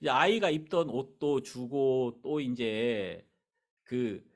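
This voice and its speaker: A middle-aged male pastor telling a personal story in a sermon, in an animated, conversational way. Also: mid-range voice, takes it slowly.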